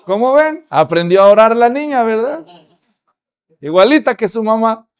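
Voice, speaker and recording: High-voiced conversational male preacher. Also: animated, moderate pace, clear, resonant tone. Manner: conversational, storytelling, frequent rhetorical questions. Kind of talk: sermon. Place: church conference.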